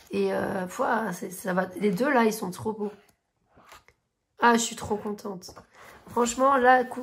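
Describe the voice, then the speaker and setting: Chatty French woman gushing over books. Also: mid-range voice. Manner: chatty and gushing, with many fillers and restarts. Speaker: coloring vlogger. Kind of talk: casual chat showing coloring books and finished pages.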